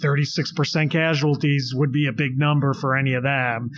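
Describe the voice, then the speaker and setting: A man's voice: medium pitch, steady tone, a little fast, fairly bright tone, dull audio. A man co-hosting a history podcast, talking listeners through battle casualties and events with enthusiasm. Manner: enthusiastic, addresses listeners directly. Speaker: podcast co-host.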